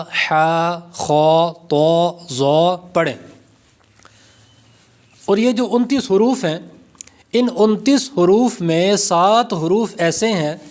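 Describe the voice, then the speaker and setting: A man teaching a recorded Quran reading lesson, with a Pakistani Urdu accent, slowly and carefully pronouncing each letter. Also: high-pitched. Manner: slow, careful letter-by-letter pronunciation drills.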